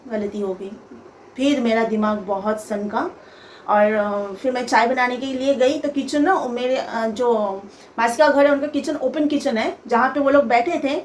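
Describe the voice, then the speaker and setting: A woman's voice: high-pitched, measured pace. A woman vlogger telling a personal story in a casual, indignant way, quoting the people involved. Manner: animated and indignant, quoting others. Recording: faint outside noise behind.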